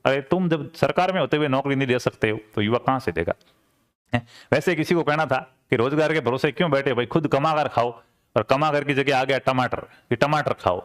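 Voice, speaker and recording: A man, teaching an exam-prep lecture conversationally and repeating key terms with rhetorical check-ins. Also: medium pitch. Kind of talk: classroom lecture.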